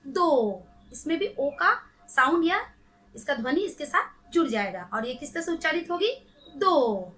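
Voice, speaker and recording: A woman's voice: sits high, sharp tone. A woman teaching young children to read, sounding each syllable out patiently and asking them questions as she goes. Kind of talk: children's Hindi phonics lesson.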